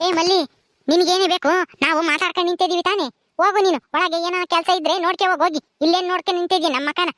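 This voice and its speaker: A woman's voice: extremely high pitch, fairly even intonation, rapid-fire, dry recording, studio quality. A woman playing a bitter, bossy village mother-in-law. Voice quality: sharp, scolding, bossy. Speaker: village drama actress. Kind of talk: village family drama acting.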